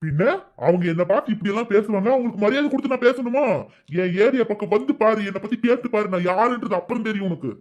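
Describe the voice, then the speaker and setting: Brief: defiant young hothead, voiced by a man, high-pitched and quick. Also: a little mellow, highs cut off, natural voice. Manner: defiant, boastful. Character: hot-headed young man accused of drinking. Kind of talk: cartoon dialogue.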